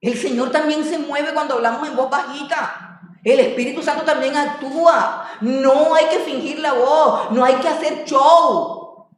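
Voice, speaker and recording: A woman teaching a Bible class in a lively way, with mocking asides and laughter. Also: sits high, a little slow, distant mic. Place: church classroom. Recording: very echoey room.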